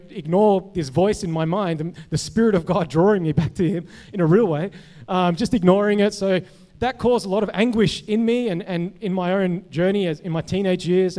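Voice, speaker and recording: High-voiced man preaching casually. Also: a little mellow. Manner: conversational, many fillers and restarts. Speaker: guest speaker, psychologist. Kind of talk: personal testimony sermon.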